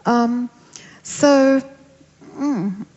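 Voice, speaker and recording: On stage in a big festival hall, a woman novelist from Sri Lanka is interviewed, responding reflectively and hesitantly with plenty of fillers. She speaks very slowly in a fairly high, slightly mellow voice, and the audio is dull and lo-fi with hall reverb.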